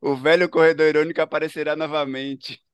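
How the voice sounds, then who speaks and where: A man's voice: on the high side, flat delivery, fast talker, smooth, dry recording, muffled recording. Bahian male host, jokey and laughing, dry close sound. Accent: Bahian Brazilian Portuguese. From Ilhéus, Bahia, Brazil. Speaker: podcast host. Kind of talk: casual podcast chat.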